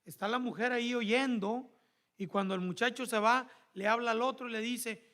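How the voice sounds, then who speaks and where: A man with a Mexican accent preaching a sermon in church, animated and calling the congregation brothers. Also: extremely high pitch, normal speed. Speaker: pastor.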